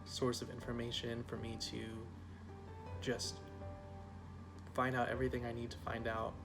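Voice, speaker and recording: A man's voice: medium pitch, completely flat delivery, normal speed, over music. A man in his twenties, a student advocate, speaking plainly and searching for words in a testimonial interview. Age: 20s.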